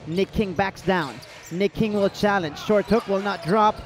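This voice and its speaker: A man calling live basketball play-by-play in an indoor arena, rattling off quick play calls and shouting on the big plays. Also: high voice. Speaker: play-by-play commentator.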